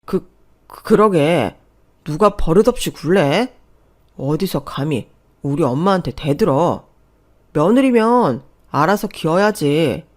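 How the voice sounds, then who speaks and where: A woman's voice: low voice, expressive, measured pace, darkish tone. A woman voicing a timid husband who stammers and hesitates. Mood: stammering.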